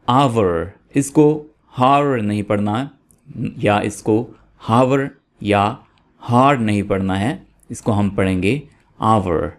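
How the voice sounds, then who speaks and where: A man's voice: fairly low pitch, a little mellow. A man teaching English vocabulary, saying each word twice and then giving its meaning in Urdu, whose first language is Urdu. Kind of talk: slow word-by-word vocabulary lesson.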